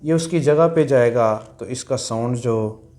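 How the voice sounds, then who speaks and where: A man teaching a language lesson, explaining pronunciation rules patiently, repeating each point and sounding out syllables slowly. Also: medium pitch, mellow, faint music behind.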